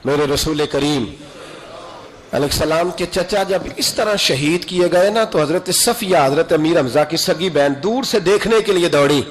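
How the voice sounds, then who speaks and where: High-voiced man preaching a dramatic sermon. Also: unhurried. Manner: dramatic, acts out quoted dialogue with sudden high rises. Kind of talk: sermon storytelling.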